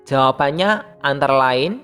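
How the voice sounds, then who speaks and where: Brief: steady, even-toned teacher voice reading a primary school lesson aloud, faint music underneath. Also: medium pitch, normal speed, smooth. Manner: reads steadily, addressing pupils as younger siblings. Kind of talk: scripted lesson narration.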